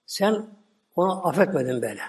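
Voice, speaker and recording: A man's voice: high voice, lively intonation, a little fast, darkish tone. A man voicing God, speaking solemnly with authority.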